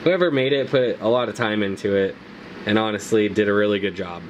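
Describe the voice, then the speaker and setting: A man's voice: on the low side, fairly quick, slight background noise. A man giving a casual, laid-back tutorial as a motovlogger, talking informally with plenty of slang. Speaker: motovlogger presenting a gear tutorial.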